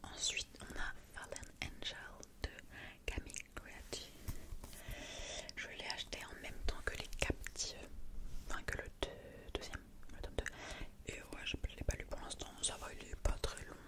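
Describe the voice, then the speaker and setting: A young adult speaks in a soft, library-like ASMR whisper, reading aloud and chatting informally about books. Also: normal speed. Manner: reads blurbs aloud with informal asides. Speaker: ASMR book haul creator. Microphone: streaming microphone close by.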